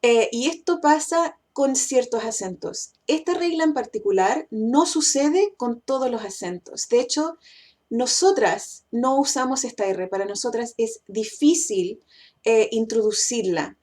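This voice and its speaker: A woman's voice: on the high side, lively intonation, a little mellow. A woman teaching English pronunciation in a casual, explanatory way, with frequent "eh" fillers as she thinks. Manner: slows down and stretches English example words.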